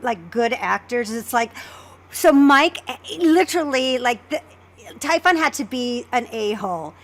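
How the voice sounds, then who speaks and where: A woman who co-created a podcast and works as a voice actress hosts a casual chat, sounding effusive and often repeating or restarting phrases. Her voice is a little high and animated, and she speaks without hurrying.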